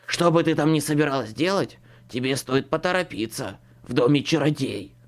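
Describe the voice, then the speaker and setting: A man's voice: a little high, brisk, lightly acted. A man voicing a curt, blunt man who hisses and mutters, in an audiobook. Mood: hissing.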